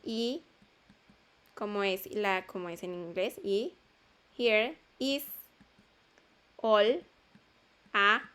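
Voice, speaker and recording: A woman's voice: mid-range voice, slow, pauses often, pushed and bright, clear, resonant tone. A woman teaching an English class in Spanish, patiently repeating sounds and checking that students follow. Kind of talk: online class explanation.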